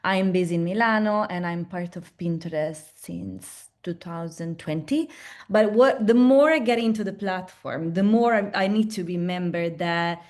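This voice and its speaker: A woman from Italy, speaking unhurriedly in a fairly low voice, presents for a platform at a webinar. Her accented English is conversational, full of restarts and tag questions.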